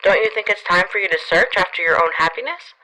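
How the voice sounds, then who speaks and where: A woman's voice: fast talker, natural voice, rough recording. A woman voicing a flirtatious, brash middle-aged female company president in an audiobook, with a teasing, playful manner. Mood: coaxing. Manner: teasing, playful, lively swings in pitch.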